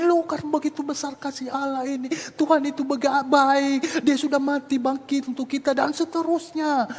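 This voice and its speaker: High-voiced preacher in echoey hall. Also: male voice. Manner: animated storytelling, acting out dialogue, addressing congregation. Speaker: evangelist preacher. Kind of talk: sermon with acted anecdotes. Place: church.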